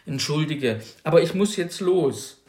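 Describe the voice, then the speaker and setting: A man voicing a calm young woman, an art student and mother, who answers briefly and matter-of-factly. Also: on the high side, measured pace, reverberant.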